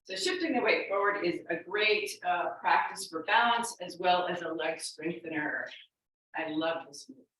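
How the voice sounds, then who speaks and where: Female fitness instructor, lowish pitch, unhurried encouraging step-by-step cues, recorded off-mic. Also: expressive, a bit bright. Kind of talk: exercise class instruction, cueing and counting moves. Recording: very echoey room, distant microphone.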